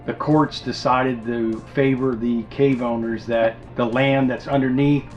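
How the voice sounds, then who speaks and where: Male vlog co-host, folksy casual explainer, medium pitch, somewhat lo-fi sound, faint music behind. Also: steady tone, a little slow.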